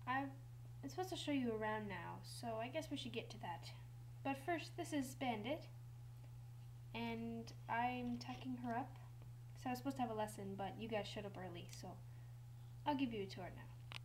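In a rough recording with slight background noise, a late-teen girl with a high-ish, everyday-sounding voice narrates a doll video role-play at home on a doll barn set. She plays a young woman barn worker giving a stable tour, chatty and hesitant with small self-corrections.

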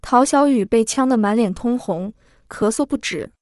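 Storyteller woman, steady scripted narration, slightly high voice, dry close sound. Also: normal speed, no echo.

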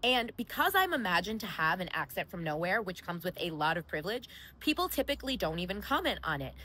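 A woman with a Central Ohio accent, explaining accents to viewers in a lively, casual way. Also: lowish voice, fast, rough recording. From Central Ohio, United States. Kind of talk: casual educational explainer to camera.

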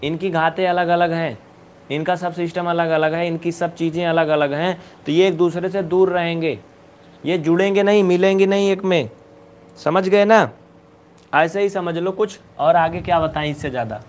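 A man teaching a live online maths class, brisk and coaxing, urging students to answer quickly and scolding them playfully. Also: a little high, steady tone, slight background noise.

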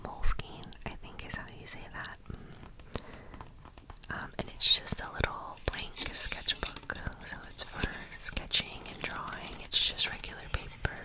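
A woman hosts an ASMR video, speaking in a breathy whisper as she casually describes items. Her remarks are hushed, slow, and gently paced.

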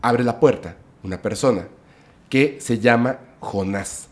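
A man's voice: medium pitch, a little slow. Chatty male podcast guest telling a story. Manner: lively retelling, with "o sea" and "¿no?" tags. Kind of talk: storytelling in a casual chat.

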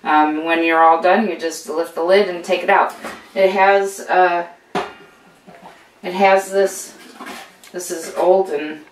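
In her home kitchen with steel counters, an older American woman hosting a homesteading channel walks through gear in a casual how-to, speaking encouragingly with lots of fillers and restarts. Her fairly low voice is far from and off the mic, with roomy indoor echo.

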